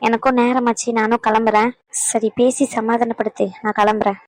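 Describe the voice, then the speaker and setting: A woman voices a level-headed older sister who settles a family fight in a cartoon. She scolds and soothes in turn, her voice a little high and recorded close and dry. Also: level tone, a little fast, a little mellow, dry recording, lightly acted, low-quality recording. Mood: firm. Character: calm older sister figure who mediates. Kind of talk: cartoon voice acting.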